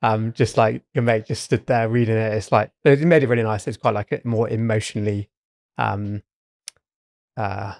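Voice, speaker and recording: A man's voice: fairly low pitch, fairly even intonation, normal speed, gravelly, darkish tone, no echo, studio quality. A man, co-hosting a podcast in casual chat, speaking thoughtfully and hesitantly with many fillers. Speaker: podcast co-host.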